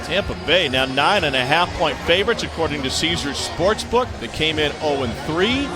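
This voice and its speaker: A man calls a live football game as play-by-play announcer. His voice sits high for a man, with music heard behind it. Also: lively intonation, normal speed. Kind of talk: live American football commentary.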